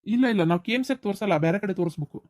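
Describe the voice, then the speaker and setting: A woman's voice: mid-range voice, very fast, a little mellow, dry recording, studio quality, natural voice. A woman with a North Karnataka Kannada accent, playing an evasive middle-aged village husband who keeps making excuses. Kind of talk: village family drama acting.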